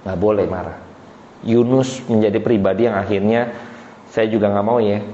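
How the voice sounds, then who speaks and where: A man's voice: lowish voice, steady tone, normal speed, mellow, slight background noise. A man pastor preaching a sermon in a casual, chatty way, talking straight to the congregation. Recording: roomy dull hall sound with faint ambience.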